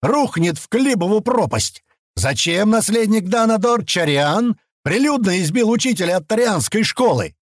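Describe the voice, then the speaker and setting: A man's voice: fairly high pitch, sing-song, normal speed, a little mellow, dry recording, pitched above the performer's own voice. A man voicing a fat, drunk male governor who bellows and spits out threats, in an audiobook. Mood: bellowing. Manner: bellowing, slurring, spitting threats.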